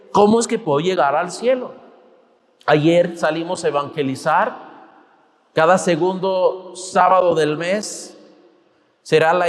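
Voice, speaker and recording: A man with a high voice preaches a sermon, pressing his points with rising and falling emphasis. His voice carries a long reverb from the church hall around him. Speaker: pastor.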